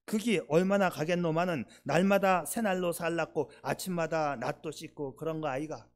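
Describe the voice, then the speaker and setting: A man's voice: fairly high pitch, normal speed, natural voice. A man reading aloud the homely advice of a plain-spoken mother, in a Gyeongsang dialect. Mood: homespun.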